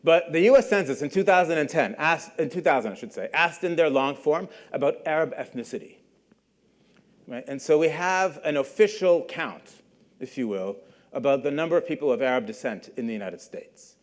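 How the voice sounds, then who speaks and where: A middle-aged man from Canada giving a university lecture in a conversational way, often checking in with the audience with questions and a quick "right?". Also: fairly high pitch, expressive. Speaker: guest lecturer.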